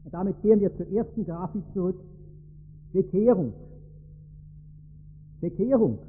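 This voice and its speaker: A man's voice: high-pitched, breathy edge. A man preaching a sermon, telling stories with emphasis and rising to stress key words. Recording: tinny phone-like sound in a reverberant hall.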